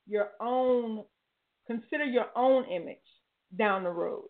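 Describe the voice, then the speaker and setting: A woman's voice: fairly high pitch, creaky. An older woman hosting a talk show, giving preachy, folksy motivational advice and repeating her key phrases. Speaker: talk show host and life coach. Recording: tinny phone-like line.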